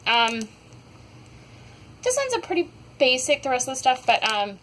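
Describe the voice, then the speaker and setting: Reviewing wax melts in a relaxed home chat, this young vlogger rambles and peppers her talk with ums and likes. She speaks at a moderate pace in a high, slightly bright voice that swings widely in pitch. The recording quality is low.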